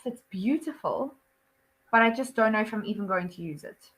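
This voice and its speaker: In a casual one-to-one video lesson, a young South African online English tutor talks at a normal speed with lively intonation. Her voice sits at medium pitch and sounds a bit bright, and her chatter is full of laughter, ums, and likes.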